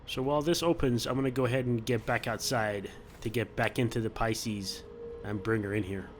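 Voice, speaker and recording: A man's voice: mid-range voice, steady tone, brisk, a little hiss or hum. A man hosting a gameplay video, talking himself through careful moves in casual commentary and chuckling now and then.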